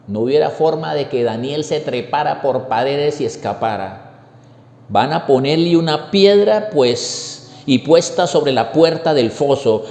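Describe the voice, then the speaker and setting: A man preaching a sermon, telling the story slowly and emphatically with repeated phrases. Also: mid-range voice, darkish tone, echoey room, big-room sound.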